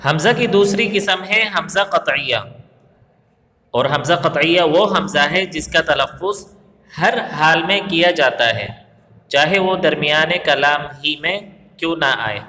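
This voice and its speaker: A man with a Pakistani Urdu accent teaches a grammar lesson to camera. His voice sits fairly high and sounds bright and forceful. He asks and answers his own questions and slows down for recited examples, and his voice rings with a long echo in the room. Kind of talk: recorded video lesson. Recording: echoey room with long reverb.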